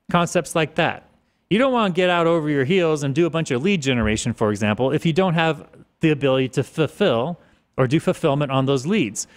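A man in his mid-forties, a guest in a podcast interview, talking casually in a rambling way with restarts, on a desk boom mic in an office studio. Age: 40s. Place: office studio with large windows.

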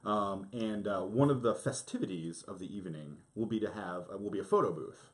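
A man co-hosting a casual podcast chat, joking and quick with asides. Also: fairly low pitch. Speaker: podcast co-host.

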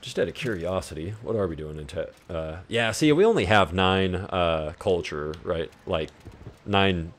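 Here a young man, a gaming YouTuber, casually narrates his strategy gameplay and chats to himself in a relaxed way while playing. The low voice is animated and moderately paced, with a little hiss or hum in the background.

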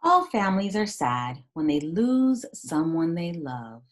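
A woman's voice: on the low side, big pitch swings, measured pace. A woman in her thirties speaking as a teacher to young children, reading a picture book aloud and talking about it in simple phrases. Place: small indoor room at home.

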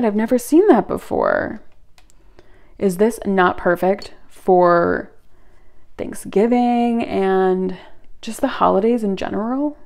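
A woman hosting her own channel, chatting through an unboxing in a gushing, giggly, excitable way. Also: mid-range voice. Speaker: channel host. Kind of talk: casual unboxing chat.

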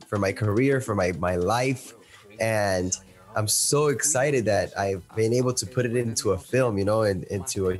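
Young male producer from Peru, eager and rambling, low voice over video call, faint music under. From Peru, raised in Miami. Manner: enthusiastic, many fillers and restarts. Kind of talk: casual interview answers. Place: small plain indoor room. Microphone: headphones and studio mic on video call.

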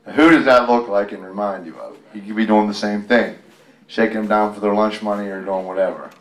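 A man with a lowish, steady voice reads a picture book briskly to a group at a public library, breaking off into chatty, folksy ad-libs. He is a guest storyteller and tribute performer speaking into a handheld mic. The recording is roomy and echoey, picked up from a distance.

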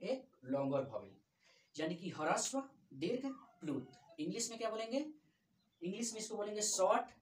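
Male teacher, explains grammar step by step, asks and answers, distant echoey recording. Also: high-pitched. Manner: asks questions then answers them himself. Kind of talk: grammar lesson. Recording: echoey room, distant mic.

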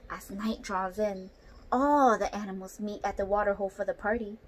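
Speaking at a normal speed in a steady, mid-range voice, a young adult woman reads a picture book expressively and breaks off now and then to talk to the children. The noisy recording comes from a small indoor room in her home.

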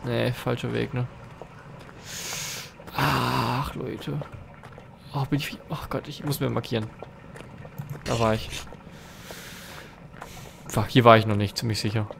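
Jumpy young gaming man, gravelly voice. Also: medium pitch, fairly even intonation, slow pace, pauses often, fairly bright tone, a little hiss or hum. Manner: restless and jumpy, swearing often and talking to viewers. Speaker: let's play host. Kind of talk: horror game commentary. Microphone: facecam with desk mic.

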